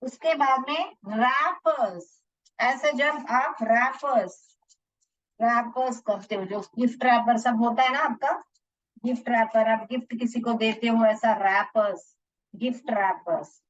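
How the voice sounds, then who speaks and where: A woman teacher giving a lesson to children, repeating words slowly so they can write them down. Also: fairly high pitch, dull audio.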